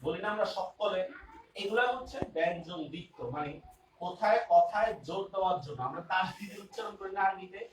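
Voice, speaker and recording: A man's voice: high-pitched, fairly quick, a little hiss or hum. Man teaching in an echoey room. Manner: repeats key terms and checks understanding often. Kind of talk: online grammar class. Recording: roomy and distant with faint ambience.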